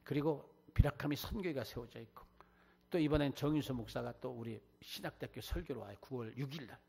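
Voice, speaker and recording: 교회에서 자신의 간증을 섞어 설교하는 나이 든 남자 목사로, 목소리가 약간 허스키하고 인용하는 사람들의 말투를 생생하게 흉내 낸다. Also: male voice, mid-range voice, brisk, creaky, slightly rough. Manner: animated storytelling, acting out quoted voices. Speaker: guest preacher, missionary. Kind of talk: testimony sermon. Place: church.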